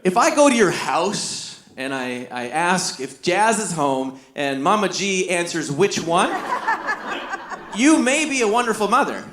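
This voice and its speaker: A middle-aged man from Canada performing stand-up comedy, telling stories briskly and acting out the voices of people in them. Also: sits high. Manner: lively storytelling, acting out other people's voices. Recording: echoey room.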